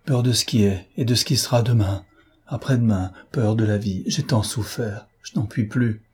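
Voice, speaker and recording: A man voicing a frightened, weary noblewoman who speaks in a hushed, trembling, pleading way. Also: on the low side, moderate pace, breathy edge. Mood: fearful.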